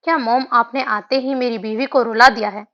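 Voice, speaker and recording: A woman's voice: on the high side, fairly even intonation, moderate pace, natural voice. A woman reading a teasing young husband. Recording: dull lo-fi audio.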